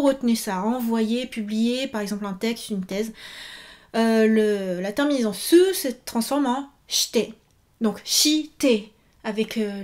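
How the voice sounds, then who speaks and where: A woman's voice: fairly high pitch, darkish tone. A woman teaching Japanese verb forms in a video lesson, patiently repeating each example.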